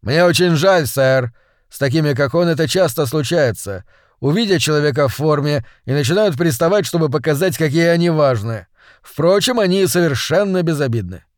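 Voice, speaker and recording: A man's voice: fairly high pitch, lively intonation, moderate pace, no echo, clean studio sound, close to an everyday voice. A man voicing a weary, polite police constable who speaks formally.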